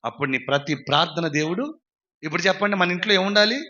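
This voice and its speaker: A man with a high, bright, ringing voice preaches a sermon at a live church prayer meeting. He keeps urging the congregation to respond loudly, then drops into low, quiet stretches. The live-stream audio sounds dull and lo-fi. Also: fast talker. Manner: swings between loud exhortation and low quiet passages. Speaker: pastor.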